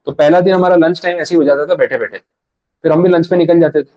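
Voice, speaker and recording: Man, rapid conversational lecturing, dry muffled sound. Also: a little high, fairly even intonation, no echo. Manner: fast, conversational, acts out little dialogues. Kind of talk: live exam revision lecture.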